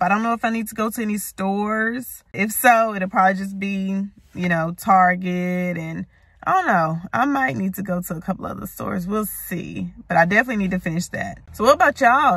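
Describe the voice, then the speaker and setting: This lifestyle vlogger, a woman in her thirties with an American accent, talks informally to her viewers and addresses them as y'all. Filmed in a parked car and her home kitchen, she has a mid-range, slightly bright voice with no echo.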